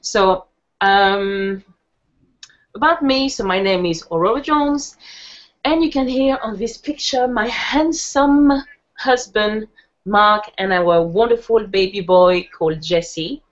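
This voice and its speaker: A woman from France, with a French accent, gives a casual online webinar presentation in a mid-range voice at a slow pace. She's chatty and laughs easily, with lots of fillers and restarts. The video-call audio comes through muffled.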